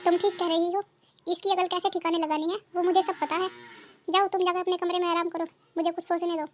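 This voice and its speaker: A woman voicing a stern, sharp-tongued village mother-in-law in a cartoon. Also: very high voice, little pitch movement, quick pace, a little hiss or hum. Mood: brooding. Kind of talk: cartoon dubbing.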